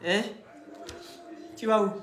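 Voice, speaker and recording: A live streamer and gossip commentator with a head cold and blocked ears rants casually on a live stream. She's loud and slow, teasing and scolding with frequent laughter, and her voice echoes in the room.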